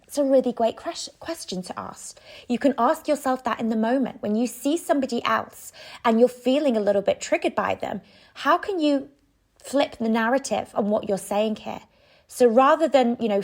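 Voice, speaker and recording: A woman speaking as a self-love coach in a conversational, encouraging way, posing reflective questions directly to the listener. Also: on the high side.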